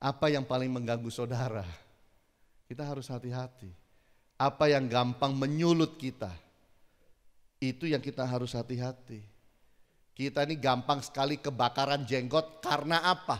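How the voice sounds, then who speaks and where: A middle-aged male pastor preaching a sermon in an animated, conversational way, acting out little exchanges. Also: mid-range voice, normal speed, long pauses. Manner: animated, conversational, acts out quotes. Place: church hall. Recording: long church hall reverb.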